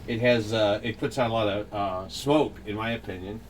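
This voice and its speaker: A man casually interviewing someone as he records, asking halting, prompting questions. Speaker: interviewer recording his father. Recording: loud mechanical rumble over voice.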